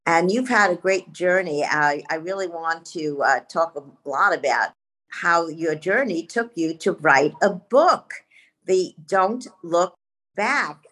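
A woman's voice: lowish voice, expressive, slow pace, a bit bright. A woman hosting an interview podcast, introducing her guest and asking questions. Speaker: podcast host, media company president.

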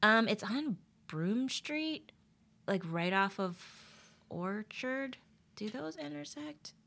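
Gravelly-voiced chatty woman. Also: a little high, slow pace. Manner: chatty, animated storytelling with many fillers and laughs. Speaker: guest, poet. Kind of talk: casual interview chat.

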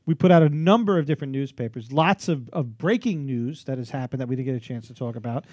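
A man's voice: medium pitch, fast talker, a little mellow, dry recording. A man hosts a radio show in loose, bantering talk, often repeating his own phrases.

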